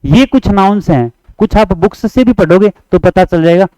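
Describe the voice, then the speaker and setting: A man with a Haryanvi Hindi accent teaching English grammar for exam prep, repeating points, coaxing students to answer along and reading example sentences slowly. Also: high-pitched, lively intonation, warm tone, no room sound, highs cut off.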